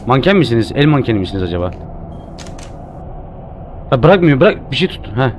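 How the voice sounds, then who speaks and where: A man's voice: mid-range voice, big pitch swings, a little fast, slight background noise. A man doing live commentary while playing a horror game, jumpy and joking, cursing at the game. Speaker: streamer.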